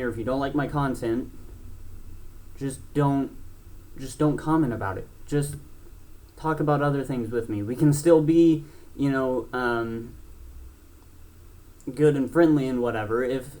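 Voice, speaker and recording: A man's voice: medium pitch, a little mellow. A man in his twenties, a gaming YouTuber, talking casually and bluntly to camera, rambling with many restarts and fillers. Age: 20s. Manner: blunt and frank, swears.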